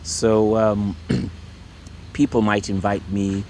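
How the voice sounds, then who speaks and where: In a relaxed, conversational interview at his own home, a middle-aged Irish priest speaks in a rather low, warm voice, level in tone and slow, with faint traffic behind him. He hesitates a lot, pausing, repeating words and filling gaps as he looks for what to say.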